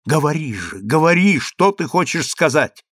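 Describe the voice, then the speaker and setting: A man's voice: expressive, normal speed, fairly bright tone, no room sound, clean studio sound. A man reading an audiobook, voicing a proud young sultana who speaks in a commanding, indignant way. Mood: impatient. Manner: commanding, indignant, high-strung.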